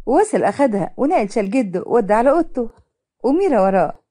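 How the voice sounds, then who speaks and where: A woman with an Egyptian accent narrating a storybook tale briskly and expressively. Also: on the high side, very animated, dark tone.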